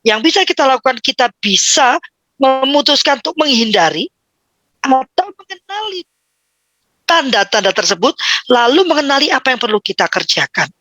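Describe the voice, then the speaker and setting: A woman in her fifties giving an informal talk on parenting, lively and acting out the voices of children and parents. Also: high voice, normal speed, no room sound. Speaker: parenting speaker.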